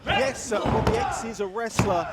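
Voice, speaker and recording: A man giving excited, emphatic play-by-play as a wrestling commentator, with dramatic repetition. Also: very high-pitched, normal speed. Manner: emphatic, dramatic, repeats phrases for effect. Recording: loud crowd noise behind. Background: loud wrestling crowd.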